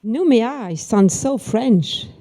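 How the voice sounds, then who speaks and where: A woman's voice: fairly high pitch, lively intonation, takes it slowly, dark tone. A woman co-presenting at a conference, reading scripted prompts to her partner. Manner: reads prompting questions to co-presenter. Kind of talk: scripted two-person presentation.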